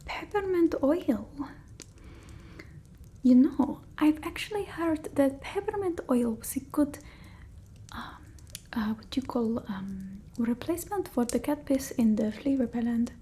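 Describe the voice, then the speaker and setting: In an ASMR roleplay, a woman plays a bossy yet doting vampire mistress caring for her human familiar, talking slowly in soft, breathy tones that often drop to a whisper. Her high voice has lively intonation, and her halting delivery comes across as matter-of-fact, fussy and gently scolding. A faint hiss or hum sits in the background.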